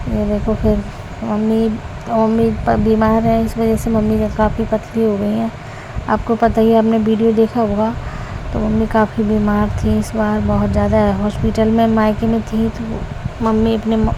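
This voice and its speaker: Woman rambling thru a vlog voiceover, kinda flat voice, hiss behind. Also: medium pitch, poor audio. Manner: rambling, chatty storytelling with many restarts. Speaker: vlogger. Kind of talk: casual vlog voice-over.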